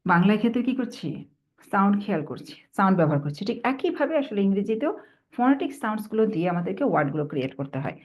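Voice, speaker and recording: A woman teaching a phonics lesson, speaking Bengali and slipping into English words. She models each sound slowly and repeats it. Her delivery is patient, and she often pauses to check that the students follow. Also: medium pitch, sing-song.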